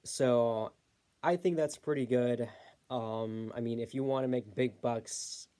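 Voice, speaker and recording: A man talking through a how-to video in a loose, hesitant way, full of fillers and small corrections. His voice is mellow and dark, at an ordinary middle pitch. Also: steady tone, takes it slowly, clean tone. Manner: rambling, hesitant, many fillers, corrects himself. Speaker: self-published author giving a tutorial. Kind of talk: casual unscripted tutorial.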